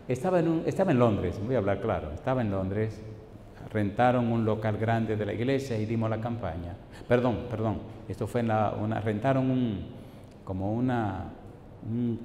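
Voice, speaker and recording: A male pastor preaching a sermon, telling a story and calling out questions to the congregation. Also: dark tone. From Argentina. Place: large church hall. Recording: echoey hall with faint rumble.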